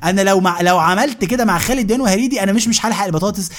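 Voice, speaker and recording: Over soft background music, a high-pitched man with an Egyptian Arabic accent delivers a comic monologue as a podcast host. Exasperated and mocking, he rants rapid-fire, tripping over words and restarting often.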